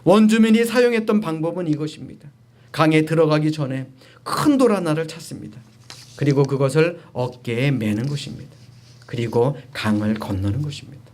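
A man's voice: on the high side, a little fast, a little mellow. A man, a pastor, preaching a sermon, exhorting the congregation directly and swelling his voice on key phrases.

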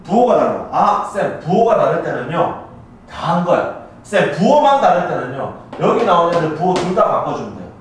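A man's voice: on the high side, big pitch swings, moderate pace. A man with a Gyeongsang Korean accent teaching a math class, recorded on a camcorder in a classroom, who walks through each step and keeps checking that the students follow. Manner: checks in with students after nearly every step. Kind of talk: classroom lecture. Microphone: camcorder in the room. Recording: echoey classroom from far off, faint hiss.

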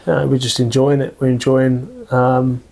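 A man in his thirties speaks in a gravelly, rather flat voice, talking earnestly through a post-match interview. He keeps restarting his sentences and filling pauses as he works through his points. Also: medium pitch. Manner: earnest, full of restarts and fillers. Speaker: football manager. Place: small office with framed football shirts.

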